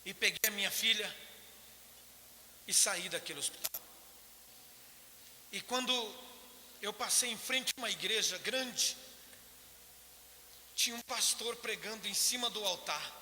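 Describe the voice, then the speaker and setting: A man's voice: high voice, measured pace, long pauses, bright, forceful tone, a little hiss or hum. Emotional Brazilian man telling testimony. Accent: Brazilian Portuguese. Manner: emotional storytelling, acting out quoted voices. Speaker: church testimony speaker. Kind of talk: personal testimony in church. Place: church hall. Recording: echoey church hall, live stream.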